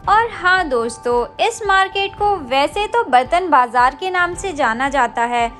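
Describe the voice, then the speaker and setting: An enthusiastic woman narrates a market-tour vlog in a high, bright voice. She speaks straight to her viewers, and faint music plays under her narration. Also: expressive, a little slow. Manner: enthusiastic, addresses viewers directly. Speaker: travel vlogger.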